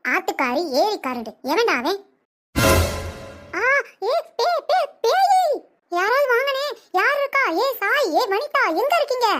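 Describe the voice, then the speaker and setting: A woman voicing a sharp-tongued, boastful old grandmother in a cartoon, scolding and loud, shrieking when scared. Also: very high voice, brisk, soft background music. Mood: frightened. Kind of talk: cartoon voice acting.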